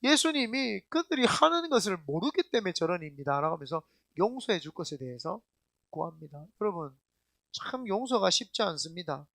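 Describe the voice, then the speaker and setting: Male pastor, high voice, emphatic colloquial preacher who questions the congregation. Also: big pitch swings, moderate pace, creaky, fairly bright tone, no echo, clean studio sound. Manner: addresses the congregation directly with questions. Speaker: senior pastor. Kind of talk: sermon.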